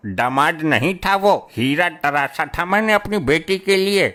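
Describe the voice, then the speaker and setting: A man's voice: on the high side, expressive, unhurried, a bit bright. A man voicing an older, fussy father-in-law in a cartoon comedy, grumbling and fatherly.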